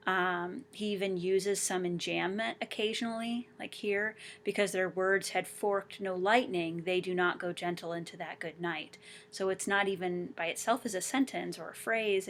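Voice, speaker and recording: A woman teacher explaining poetic forms to students, reading poems aloud slowly and carefully. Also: lowish voice, fairly bright tone, slight background noise. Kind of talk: recorded online poetry lesson.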